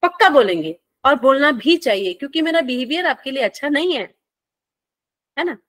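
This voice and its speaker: Woman, teacher, friendly lecture, playful, slightly high voice. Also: expressive, moderate pace, fairly bright tone, no echo. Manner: friendly, playful teaching with call-and-response questions. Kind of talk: classroom lecture.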